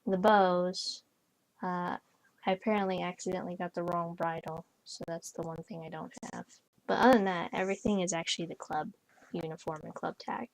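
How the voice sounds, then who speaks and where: A young woman rambles through casual gameplay chat about a horse game from her bed, with plenty of fillers and restarts. Her voice runs on the low side with fairly even intonation at normal speed, and the recording quality is low.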